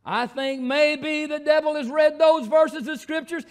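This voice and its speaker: A man with a Southern accent, a pastor preaching a sermon in church, moving between shouted scripture and quiet, folksy asides. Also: fairly even intonation, a little slow. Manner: preaching, swings from shouted proclamation to low asides. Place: church sanctuary.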